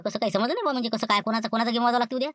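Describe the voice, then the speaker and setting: A woman's voice: a little high, no room sound, clean studio sound, lightly acted. A woman with a Varhadi Marathi accent playing an anxious accomplice who keeps warning against the plan. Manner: anxious, cautioning, very rapid. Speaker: worried accomplice in a comedy skit.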